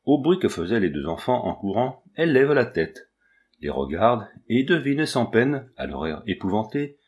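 A man narrating a classic children's story aloud in a measured, expressive reading. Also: mid-range voice. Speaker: audiobook reader.

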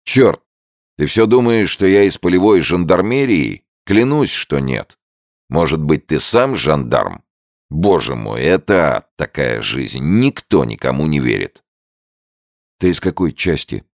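A man's voice: very deep voice, sing-song, unhurried, vocal fry, no echo, studio quality, pitched above the performer's own voice, heavily acted. A man voicing a blunt, blustering American soldier in an audiobook. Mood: brash. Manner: brash, blustering. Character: rough-talking American soldier, blunt and loud.

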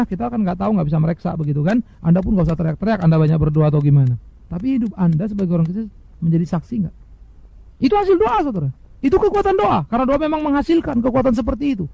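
A man preaching a sermon, addressing his listeners directly, swinging between loud emphatic highs and soft, hushed lows and acting out quoted speakers. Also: vocal fry, no echo, lo-fi sound. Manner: mimics imagined speakers in quoted asides. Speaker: pastor.

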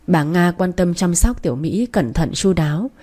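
A woman narrating a story in a calm, steady audiobook style. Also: fairly low pitch, moderate pace.

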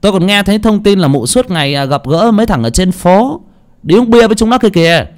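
A man voicing a rough, bullying male debt collector who barks his threats. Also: medium pitch, big pitch swings, fairly quick, lightly acted. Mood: menacing. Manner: barking, bullying.

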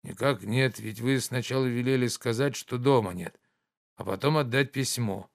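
A man voicing a stubborn old manservant who answers in a gruff, unbothered way. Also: mid-range voice, moderate pace, close to an everyday voice.

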